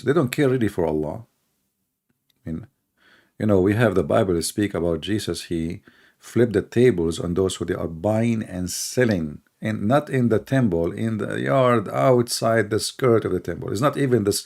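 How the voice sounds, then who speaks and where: Gravelly, husky older man. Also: lowish voice, darkish tone. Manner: sarcastic, mocking, rambling with many fillers. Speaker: host. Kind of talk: casual monologue.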